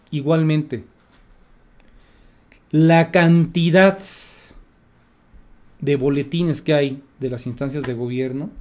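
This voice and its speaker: Mexican male radio commentator, indignant and mocking, voice sits high. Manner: sarcastic, indignant. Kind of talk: opinion commentary broadcast.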